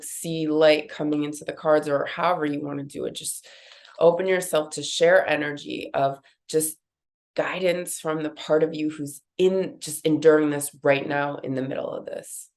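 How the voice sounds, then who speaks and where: A woman's voice: deep voice, fairly even intonation, normal speed, a little mellow. A woman with a nasal voice guiding viewers through a card reading in a casual, rambling way, full of fillers. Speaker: card reader. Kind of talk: guided intuitive card reading.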